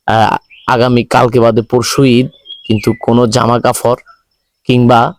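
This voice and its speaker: A man with a Bangladeshi accent hosting a charity video, speaking in a halting, repetitive, pleading way to viewers. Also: mid-range voice, no echo. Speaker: charity video host appealing for donations. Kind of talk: earnest spoken appeal to viewers, interviewing.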